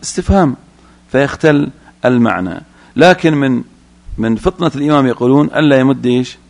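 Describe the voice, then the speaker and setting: A man's voice: mid-range voice, creaky. A man teaching Islamic jurisprudence, reading a line from a text and then explaining it, often putting questions to his students.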